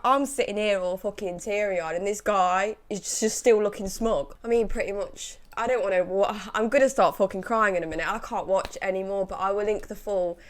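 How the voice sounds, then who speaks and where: A woman's voice: mid-range voice, a little hiss or hum. A young woman giving emotional reaction commentary, upset and swearing often as she rants. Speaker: YouTube commentator.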